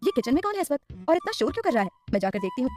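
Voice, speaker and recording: A woman's voice: high-pitched, big pitch swings, very fast, a little mellow, soft background music. A woman voicing a fond, bossy mother-in-law in a storybook reading, scolding the family in a motherly way. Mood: curious.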